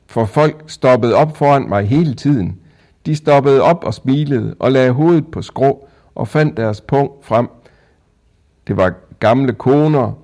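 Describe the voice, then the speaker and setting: A man reading a first-person children's story aloud in a calm, even storytelling manner. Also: medium pitch. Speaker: audiobook narrator.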